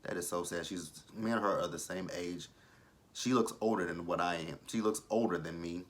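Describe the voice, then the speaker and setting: Speaking at normal speed in a low voice, a TV show reviewer in his thirties, thirty years old, gives a casual vlog take on an episode. He's blunt, opinionated and swears freely.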